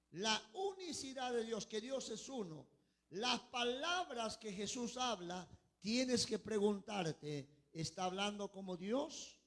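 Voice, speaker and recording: A pastor preaching a sermon, asking the congregation to confirm and acting out quoted lines, with sudden loud bursts and drawn-out words. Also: male voice, high-pitched. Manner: acts out quoted lines in a dramatized voice; often asks the congregation to confirm.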